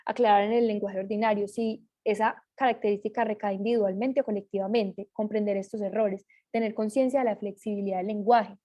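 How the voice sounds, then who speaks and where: Mellow-voiced woman explaining logical fallacies. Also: medium pitch, steady tone, fairly quick, few pauses. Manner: reads aloud with small slips and self-corrections. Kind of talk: reading a class presentation.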